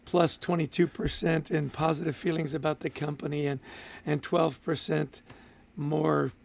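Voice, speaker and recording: A man co-hosting a podcast in casual chat, enthusiastic and quick to laugh. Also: fairly high pitch, little pitch movement, creaky. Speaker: podcast co-host.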